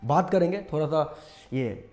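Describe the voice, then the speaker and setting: A man's voice: a little high, animated, a little slow, darkish tone. A man casually teaching mimicry, explaining step by step with lots of fillers. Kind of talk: casual tutorial talk.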